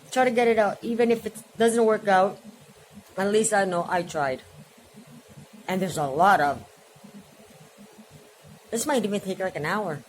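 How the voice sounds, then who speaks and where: This forties-aged woman has a mid-range voice, and there's a little hiss or hum on the recording. She's vlogging at home, chatting away loosely and jumping from subject to subject.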